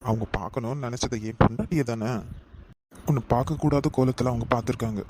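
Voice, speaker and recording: A man voicing a gentle young husband who soothes and coaxes his wife, with a Kanyakumari Tamil accent. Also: medium pitch, quick pace, heavy background noise, lightly acted. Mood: soothing. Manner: soothing, coaxing.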